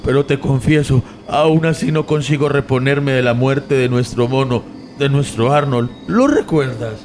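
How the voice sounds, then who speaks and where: A man's voice: mid-range voice, moderate pace, a little mellow, a little hiss or hum, natural voice. A man playing a drunk, grieving man who rambles and slurs theatrically, in an amateur radio drama.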